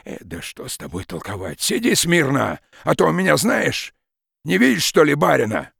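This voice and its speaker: A man voicing a gruff, sullen forester who speaks in curt commands, read as an audiobook. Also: fairly high pitch, big pitch swings, normal speed, a bit bright, no echo, clean studio sound, pitched above the performer's own voice, full character voice. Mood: stern. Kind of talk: audiobook reading.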